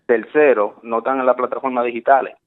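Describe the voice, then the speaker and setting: Un hombre que llama a un programa de radio y da consejos en tono serio y explicativo, repitiendo palabras y metiendo frases en inglés, oído por una línea telefónica. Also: male voice, mid-range voice, fairly even intonation, fast. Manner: earnest, explanatory, repeats words, mixes in English phrases. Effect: heard through a phone line. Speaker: radio show caller. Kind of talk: explaining advice on air as a caller. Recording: tinny phone line.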